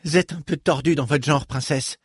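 A man's voice: a little high, moderate pace, husky, no room sound, studio quality, voice pushed up. A man voicing a cheeky, greedy street boy in an audiobook, slangy and whining when cornered. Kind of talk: audiobook character voice.

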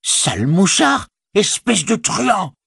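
A man's voice: mid-range voice, expressive, normal speed, vocal fry, a bit bright, breathy edge, dry recording, studio quality, voice pushed up, full character voice. A man voicing a whiny, sneering male orc tracker in an audiobook, his voice raised into a snarl. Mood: furious.

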